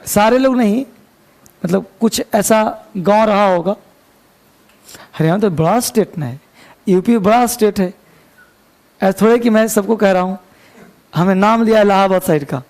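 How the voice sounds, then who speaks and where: A man's voice: sits high, normal speed, pauses often, darkish tone. A man teaching an English grammar class, chatty and joking, quizzing his students as he goes. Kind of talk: classroom lecture.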